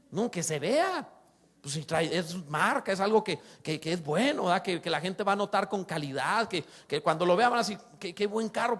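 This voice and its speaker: High-voiced preaching pastor. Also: male voice. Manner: lively preaching with rhetorical questions and humorous asides. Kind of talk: sermon.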